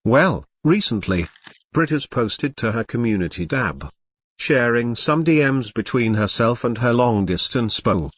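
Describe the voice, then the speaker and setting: A man's voice: medium pitch, very animated, a little slow, no echo. Sardonic synthetic robot male narrator. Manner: sardonic, mocking commentary. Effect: synthetic robot text-to-speech voice. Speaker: drama commentary narrator. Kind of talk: scripted commentary narration.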